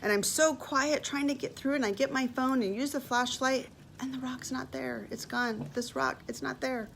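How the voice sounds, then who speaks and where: A woman's voice: high-pitched, moderate pace, creaky, slight background noise, rough recording. Emotional woman in her fifties telling a story. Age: 50s. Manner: animated, emotional storytelling with repeated words. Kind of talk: personal testimony vlog.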